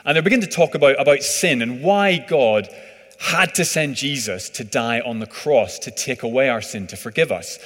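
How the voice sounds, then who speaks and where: Preacher in a reverberant hall. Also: male voice, medium pitch, expressive, moderate pace, a bit bright. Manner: conversational, hesitant with fillers and "sort of". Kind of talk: sermon.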